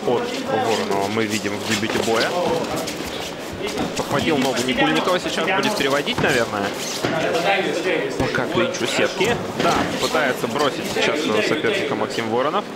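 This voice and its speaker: A man's voice: medium pitch, big pitch swings, brisk. A man giving live commentary on an MMA fight, following the action as it unfolds. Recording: loud crowd noise behind voice. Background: noisy arena crowd.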